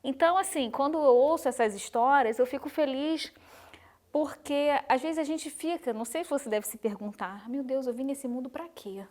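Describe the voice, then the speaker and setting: A woman from Brazil speaks as an interview guest, reflective and earnest as she tells her story. Her voice is somewhat high. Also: moderate pace, a little mellow. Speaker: guest, carnival designer. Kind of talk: interview conversation.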